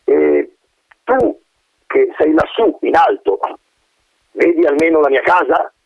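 A man's voice: a little high, slow pace, gravelly, darkish tone, slightly rough, dry recording, pitched above the performer's own voice, exaggerated voice. A man doing a wary old colonel. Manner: puzzled, questioning. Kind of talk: storybook reading. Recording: dull lo-fi dry recording.

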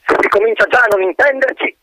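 A man voicing a gruff, irritable elderly colonel who barks his words in a raised, exasperated tone. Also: very high voice, quick pace, sharp tone, no room sound, voice pushed up, low-quality recording.

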